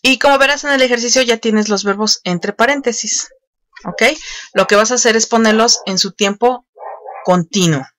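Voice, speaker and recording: A woman patiently guides learners through an online English lesson, pausing with frequent fillers as she explains each step. Her voice is fairly high and a bit bright. The recording is dry and close, with no room sound.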